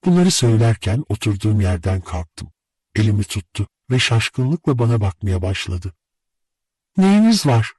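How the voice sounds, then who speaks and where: A man narrates an audiobook with husky warmth-free grain and lively, expressive swings of pitch. His delivery is dramatic and close, with a dry, unechoing sound. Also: normal speed, no echo.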